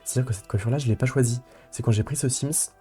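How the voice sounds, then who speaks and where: A man's voice: mid-range voice, very fast, mellow, breathy edge, soft background music. Rambling young man narrating gameplay. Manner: rambling, many fillers and restarts. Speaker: let's play host. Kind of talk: casual gameplay commentary.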